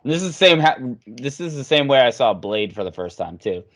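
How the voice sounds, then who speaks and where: A man's voice: medium pitch, sing-song, fairly quick, fairly bright tone. A man co-hosting a movie podcast, talking loosely and laughing, with frequent swearing. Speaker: podcast co-host. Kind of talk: casual movie chat.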